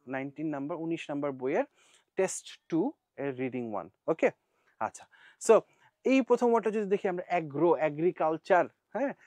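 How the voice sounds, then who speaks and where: A man's voice: a little high, a little mellow, no room sound. Man teaching an IELTS class. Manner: mixes Bengali and English, asks the class questions. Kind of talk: live online class.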